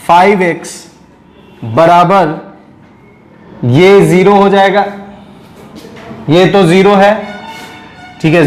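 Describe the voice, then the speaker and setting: Reverberation colors the high-pitched, darkish voice of a male physics teacher from India. Lecturing to a recorded class, he breaks a problem into steps and keeps checking for understanding.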